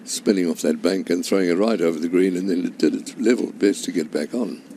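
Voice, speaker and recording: A man with a deep, creaky, mellow voice gives conversational golf commentary. He is understated, with faint ambience behind him. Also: a little fast, a little hiss or hum.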